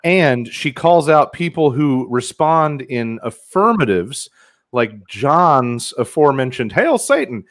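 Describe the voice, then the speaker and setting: A man's voice: medium pitch, expressive, slow. A man hosting a podcast with crude, sarcastic commentary. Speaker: host.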